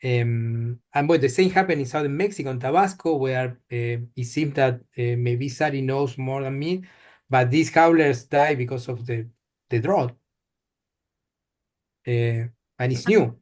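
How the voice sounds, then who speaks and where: A man's voice: mid-range voice, unhurried, a little mellow. A man with an Argentine Spanish accent, a seminar presenter answering questions hesitantly over a video call. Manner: hesitant, repeating words. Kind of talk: answering questions after a talk.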